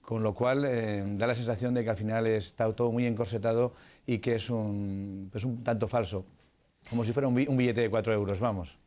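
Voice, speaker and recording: A man's voice: on the low side, fairly even intonation, brisk, mellow. A middle-aged man who is a political candidate, giving formal, argumentative interview answers with frequent hesitant fillers.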